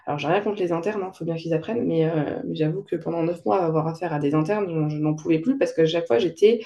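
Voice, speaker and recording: A young woman frankly recounting her childbirth experience as a personal testimony, halting often and restarting her sentences. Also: low-pitched, gravelly, mellow. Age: young adult. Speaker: mother sharing her birth story.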